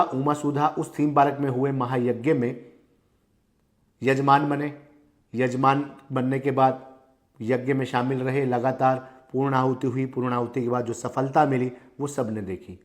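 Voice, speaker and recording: A man presenting local news commentary in an emphatic, repetitive manner, stressing phrases by restating them. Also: mid-range voice.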